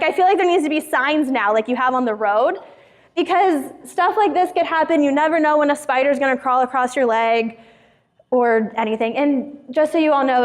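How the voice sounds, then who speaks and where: A young woman pastor telling a funny personal story in a casual sermon to a church group. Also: sits high. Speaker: youth pastor. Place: church hall. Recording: hall reverb.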